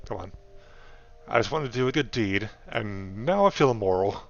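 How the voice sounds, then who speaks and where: Low-voiced man streaming a story game. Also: animated, normal speed. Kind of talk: reading a visual novel aloud with casual asides. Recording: dull muffled sound, music behind.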